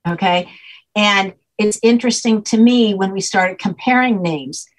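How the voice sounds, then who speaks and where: Husky older woman explaining patiently. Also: mid-range voice, unhurried, low-quality recording. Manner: patient, teacherly, checks in with "okay?". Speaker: guest name expert. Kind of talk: explanatory interview talk. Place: home room, on a video call.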